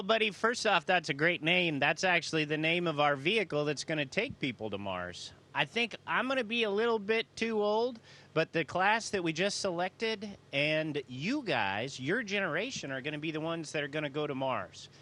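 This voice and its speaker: A man's voice: on the high side, animated, normal speed, pushed and bright. A man speaking as an astronaut, answering students' questions in a casual, folksy and enthusiastic way.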